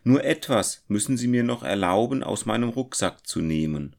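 A man's voice: fairly low pitch, animated, normal speed, vocal fry, darkish tone, pitched above the performer's own voice. A man voicing a modest, polite young goldsmith in a read-aloud story. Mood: moved. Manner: polite, moved.

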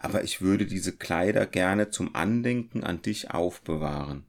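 A man's voice: sits low, expressive, measured pace, gravelly, exaggerated voice. A man voicing a gracious noble countess who speaks kindly, reading a storybook aloud. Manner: friendly, kindly questioning.

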